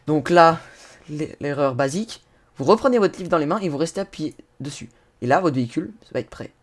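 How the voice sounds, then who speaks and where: Speaking briskly and expressively in a slightly high voice, a gaming YouTuber walks viewers through a game in a casual tutorial. When things go wrong for him, he laughs and swears, talking right to his audience.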